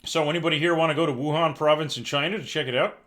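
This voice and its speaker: A man's voice: a little high, steady tone, very fast, fairly bright tone. A man hosting a casual live news commentary stream, reading headlines aloud and cutting in with sarcastic, exasperated asides. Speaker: livestream news commentary host.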